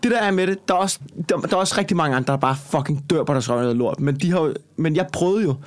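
A man, a stand-up comedian telling a story in casual conversation and swearing a lot. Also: a little high. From Copenhagen. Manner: swears a lot, heated and animated when retelling.

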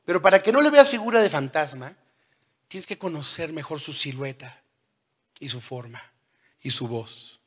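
Bright, high-pitched man preaching. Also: animated, normal speed, pauses often, slightly rough. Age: 30s. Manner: dramatic swings between loud calls and hushed lines; asks the congregation questions. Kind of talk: sermon.

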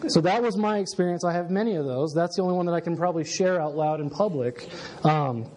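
A man's voice: on the high side, fast talker, a little mellow, a little hiss or hum. A man in his late twenties giving a casual sermon, opening with a self-deprecating childhood story before turning to scripture. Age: 20s.

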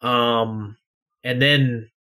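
A man's voice: medium pitch, steady tone, very slow, bright, forceful tone. A man co-hosting a casual gaming podcast in an easygoing way, often laughing along. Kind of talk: casual chat.

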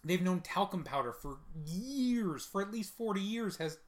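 A man co-hosting a casual podcast, his slightly high voice swinging up and down as he explains things. He is animated and slips into mocking voices when he quotes people. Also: normal speed. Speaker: podcast co-host. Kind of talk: casual chat.

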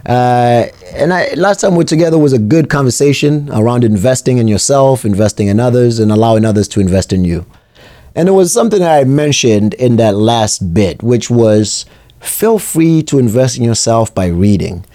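A man hosting alone, talking in an unhurried, thoughtful and personal way. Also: mid-range voice, expressive, dark tone, no echo, studio quality. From South Africa. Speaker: podcast host. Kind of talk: reflective solo monologue.

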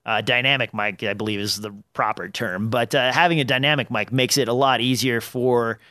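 Fairly quick and pushed, this bright, mid-range male voice keeps a steady tone while the slightly nasal podcast host rambles, restarting and using fillers. He sits close to an arm-mounted dynamic mic in a small home studio, with no echo.

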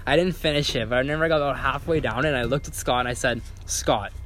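A man's voice: mid-range voice, fast talker, a bit bright, a little hiss or hum. A young man telling a story in casual chat, acting out quotes and swearing freely. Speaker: guest storyteller.

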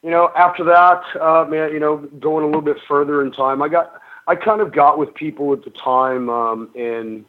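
A man's voice: fairly high pitch, normal speed. A middle-aged man telling wrestling stories in a casual radio interview, rambling with lots of ums and restarts. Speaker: guest, pro wrestler. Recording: narrow phone-like radio sound.

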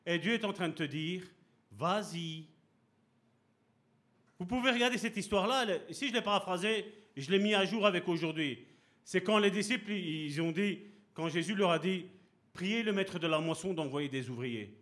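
A man preaching a lively, conversational sermon, acting out little scenes and asking his listeners questions. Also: high-pitched, moderate pace. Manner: animated, acts out little scenes and voices; conversational, asks the congregation questions.

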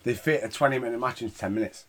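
A man's voice: mid-range voice, rapid-fire, fairly bright tone. A British man hosting a casual, sweary podcast recap of wrestling in an informal way. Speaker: podcast host reviewing wrestling shows.

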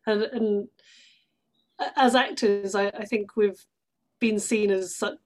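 A British woman from London, appearing as a guest actress in a conversational interview, talks reflectively and laughs easily. Her voice is medium-pitched, steady in tone, and slow.

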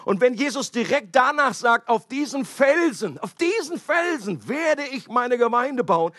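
A man's voice: high-pitched, a bit bright, dry recording, clean studio sound. A man preaching a sermon in a conversational way, asking his listeners questions and making playful asides. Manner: conversational, asks the audience questions; playful asides with joking voices.

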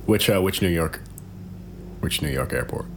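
Laughing, lively-voiced podcast co-host man. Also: deep voice, moderate pace, noisy background. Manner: laughs often, profane, teasing. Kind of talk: casual podcast banter.

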